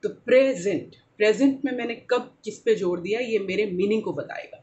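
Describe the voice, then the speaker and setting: A woman English teacher with an Indian accent explains pronunciation. She switches between Hindi and English and says each example word slowly. She often checks in with "right?" and fills gaps with "uh, you know.". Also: mid-range voice, a little mellow, highs cut off. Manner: slow, drawn-out modelling of example words. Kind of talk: explaining to camera.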